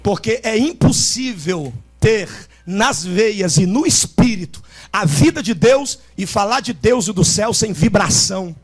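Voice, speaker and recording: A man with a Carioca accent preaching a revival sermon, shouting with great force and dropping now and then into quieter asides. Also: high-pitched, lively intonation, measured pace. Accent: Carioca Portuguese. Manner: shouts with great intensity, swinging between loud bursts and softer asides. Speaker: pastor. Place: outdoor rooftop church service.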